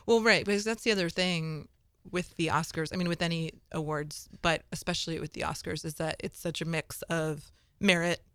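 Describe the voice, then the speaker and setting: Chatty co-host with a smooth bright voice. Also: mid-range voice, steady tone, moderate pace. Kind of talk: casual chat about films.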